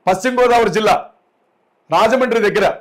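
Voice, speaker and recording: A man with a notably high voice speaks as an interview guest. He talks with forceful indignation, drives his points home by repeating them, and keeps deferring politely to his host. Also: brisk. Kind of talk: heated interview talk.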